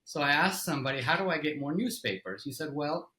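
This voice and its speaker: A middle-aged man from Egypt, a company CEO, telling his story as an interview guest in a relaxed way, with fillers and restarts. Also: a little high, quick pace, poor audio.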